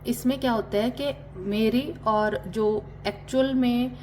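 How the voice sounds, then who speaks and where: A woman from Punjab teaching a spoken language lesson. She explains patiently with hesitant fillers and slowly repeats each word for learners. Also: on the high side, fairly even intonation, a little mellow, a little hiss or hum. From Punjab, India. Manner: slow, repeats words for learners.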